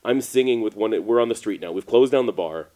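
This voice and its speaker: A man's voice: mid-range voice, brisk. A young adult man from Canada, telling a story in casual chat and laughing as he goes. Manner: laughing, animated storyteller who voices people in his anecdotes. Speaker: podcast co-host.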